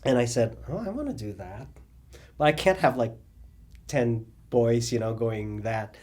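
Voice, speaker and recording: In an oral history interview, a middle-aged cabaret singer and drag performer tells stories in a rambling, animated way, full of fillers and restarts. His voice is mid-range and his pace measured.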